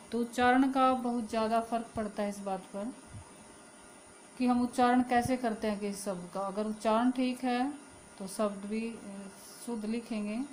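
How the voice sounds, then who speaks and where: Brief: female teacher voice, mid pitch, patient drilling delivery, addresses students as children. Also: darkish tone, low-quality recording. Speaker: Hindi grammar teacher. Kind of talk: classroom-style lesson.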